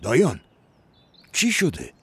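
A man voicing an aging, remorseful lover who speaks in a low, hushed, earnest way. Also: wildly swooping pitch, gravelly, husky, no echo, full character voice. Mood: remorseful, tender.

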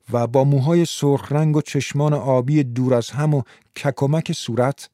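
A man narrating an audiobook in a measured, steady reading. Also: medium pitch, no echo, studio quality.

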